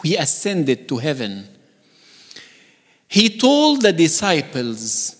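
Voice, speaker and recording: Male guest preacher, high voice, playful asides that rise to urgent calls, church reverb. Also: huge pitch swings, slow pace, a bit bright. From Egypt. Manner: joking, building to emphatic urgent calls. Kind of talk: sermon. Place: church sanctuary.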